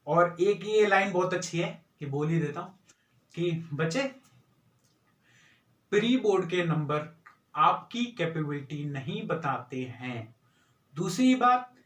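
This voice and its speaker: A man's voice: high-pitched, fairly bright tone, echoey room, recorded from a distance. A young man giving earnest, repetitive study advice to students in a motivational talk. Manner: earnest, repeats points for emphasis.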